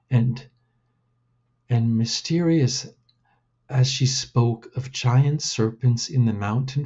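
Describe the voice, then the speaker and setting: Man, storybook reading, unhurried, mellow dark tone, dull lo-fi recording. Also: medium pitch, creaky, husky. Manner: deliberate, measured storytelling. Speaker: storyteller reading his own book.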